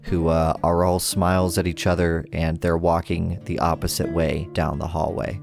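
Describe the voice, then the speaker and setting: A man narrating as game master of a tabletop role-playing game, descriptive and measured. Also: low voice, little pitch movement, vocal fry, a little mellow, faint music behind.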